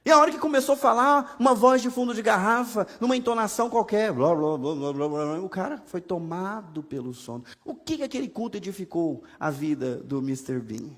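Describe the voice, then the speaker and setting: A man's voice: high voice, big pitch swings, brisk, hardly any pauses, fairly bright tone. A man with a Brazilian Portuguese accent preaching a sermon as pastor, conversational and humorous, with many rhetorical questions. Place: church sanctuary. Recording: long hall reverb from a church.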